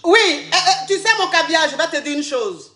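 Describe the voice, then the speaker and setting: Woman, comic coach, flamboyant, teasing, high voice, echoey room. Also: animated, normal speed, sharp tone. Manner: flamboyant, teasing, calls everyone darling. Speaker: comic agony-aunt coach. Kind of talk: comic phone-in advice sketch.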